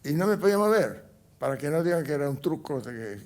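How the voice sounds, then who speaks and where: An older man telling his life story as a guest in a TV studio interview, speaking in halting recollection with restarts and fillers. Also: on the high side, sing-song, a little mellow. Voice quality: gravelly, husky voice. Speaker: interview guest, Holocaust survivor. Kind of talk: personal testimony in a TV interview.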